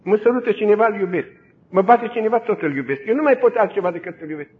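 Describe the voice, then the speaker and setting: Guy putting on a soft, hushed young woman, calm believer, tinny line w faint rumble. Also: close to an everyday voice. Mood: fervent. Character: gentle young woman prisoner, calm and devout.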